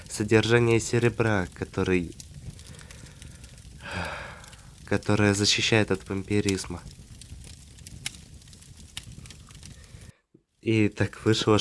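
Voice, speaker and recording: A man plays a gentle half-vampire husband in an intimate ASMR role-play. His low voice stays very even and unhurried, with hesitant pauses as he tenderly addresses his beloved. Faint ambience sits behind him. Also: slight background noise, natural voice. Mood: tender, reflective.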